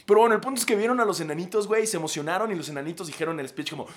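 A man's voice: high voice, racing. A man in his thirties with a Mexican accent, a podcast host telling a story casually with lots of slang and laughter. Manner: animated, slangy, laughs often.

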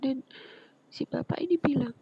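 A woman, earnestly telling her personal story as an interview guest, often dropping into a soft breathy whisper. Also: sits high, moderate pace. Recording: muffled lo-fi with faint background noise.

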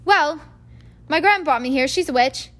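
A woman's voice: high voice, animated, moderate pace, a bit bright, voice pushed up. A woman voicing a shy, timid young schoolboy who speaks hesitantly.

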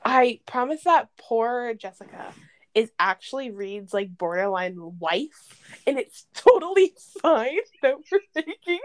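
A woman's voice: fairly high pitch, expressive, unhurried. A young woman co-hosting a podcast, chatting casually with frequent laughs and fillers. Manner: laughs often, many fillers. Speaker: podcast co-host. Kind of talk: casual storytime chat.

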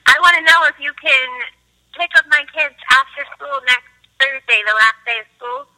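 A woman's voice: high voice, moderate pace, sharp tone. A woman caller heard over a phone on speaker, chatting casually and laughing between lines. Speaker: caller, podcaster's sister. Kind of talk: casual family phone chat. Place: on a phone call, elsewhere. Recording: tinny speakerphone, from the mic.

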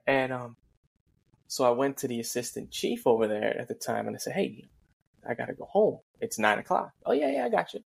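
A man's voice: mid-range voice, moderate pace, gravelly, slightly rough. A man hosting a podcast, trading a laid-back story of his own start as a firefighter. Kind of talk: casual conversation.

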